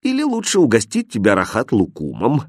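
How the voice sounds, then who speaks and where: A man voicing a sly, sinister older male sorcerer who poses as a kindly uncle, speaking low, soft and stern in a storybook reading. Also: huge pitch swings, brisk, no echo, clean studio sound. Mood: coaxing.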